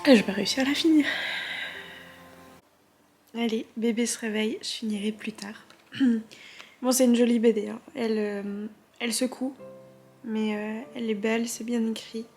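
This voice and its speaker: A woman's voice: on the high side, steady tone, normal speed, pauses often, a little mellow, soft background music. A woman vlogger chatting casually about her drawing and reading, with fillers and half-whispered asides. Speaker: art vlogger. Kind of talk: casual chat.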